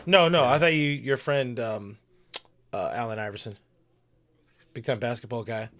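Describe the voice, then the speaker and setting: A man's voice: mid-range voice, fairly even intonation, moderate pace, fairly bright tone. A man hosting a sports podcast, chatting loosely and joking through his sign-off. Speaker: podcast host. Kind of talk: casual chat.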